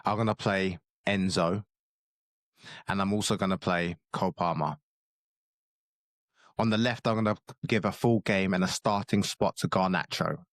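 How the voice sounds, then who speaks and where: Fired-up football fan. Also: male voice, low-pitched, steady tone, normal speed, long pauses, no echo, studio quality. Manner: passionate, fired-up, casual slang. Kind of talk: casual football chat.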